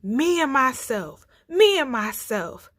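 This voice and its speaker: A woman voicing a boastful, bullying male lion in a storybook, loud, roaring and imperious. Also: high-pitched, big pitch swings, slow, dry recording, clean studio sound, voice pushed up, heavily acted. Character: boastful, bullying male lion, self-proclaimed forest king.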